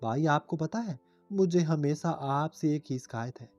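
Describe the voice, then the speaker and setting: Gentle emotional young sister, soft and mellow, man doing her voice. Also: on the high side, measured pace, no room sound, highs cut off, faint music behind.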